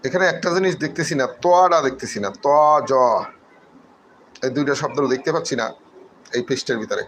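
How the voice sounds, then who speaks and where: A man's voice: mid-range voice, lively intonation, brisk, fairly bright tone, a little hiss or hum, low-quality recording. Patient man teaching letters. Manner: patient, repeats letters for listeners to say along. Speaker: Quran reading teacher. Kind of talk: slow step-by-step lesson with drilled letter names.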